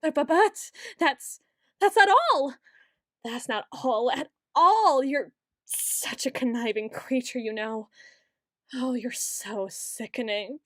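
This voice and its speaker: A woman's voice: a little high, no room sound, clean studio sound, lightly acted. A woman playing a paranoid, obsessive young yandere student in an ASMR role-play, stammering, pleading and accusing as she repeats her words insistently. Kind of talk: ASMR role-play monologue, acted straight to the listener.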